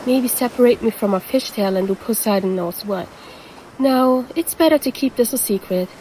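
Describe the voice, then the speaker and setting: A woman's voice: a little high, normal speed, mellow, a little hiss or hum, natural voice, rough recording. A woman voicing a predatory female siren who poses as a lifeguard and teases the listener in an audio roleplay. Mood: teasing, menacing. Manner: teasing, calls the listener handsome.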